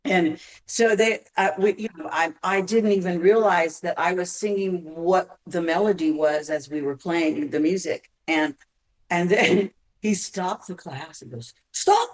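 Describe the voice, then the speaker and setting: A woman from Arizona, a singer guest on a podcast, telling long stories with halting restarts. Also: lowish voice, far from the mic, poor audio. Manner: halting, many restarts, laughs while telling. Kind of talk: podcast interview storytelling.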